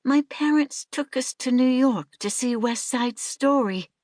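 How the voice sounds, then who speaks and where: Down-and-out middle-aged woman, voiced by a woman, eager, pleading, pitched up, close dry sound. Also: a little slow, darkish tone, no room sound.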